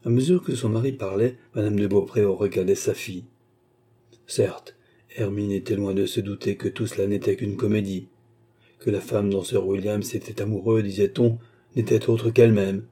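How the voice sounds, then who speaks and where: A man reading a classic novel aloud as an audiobook narrator, with steady, even-paced delivery. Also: on the low side, moderate pace, husky.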